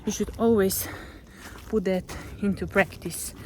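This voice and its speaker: Walking outdoors in nature with her camera in hand, a Slovenian-accented vlogger offers a gentle, reflective motivational monologue in English, her second language, occasionally searching for words. Her mid-range voice is a little slow with fairly even intonation, and there's slight background noise.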